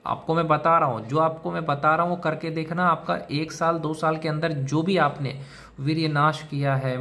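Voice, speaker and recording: Man, slightly raised pitch, lecturing straight to camera, repeats his rules, calls the viewer brother. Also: creaky, a bit bright. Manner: lecturing, repetitive, addresses listener as brother. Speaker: self-help video host. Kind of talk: direct-to-camera advice monologue.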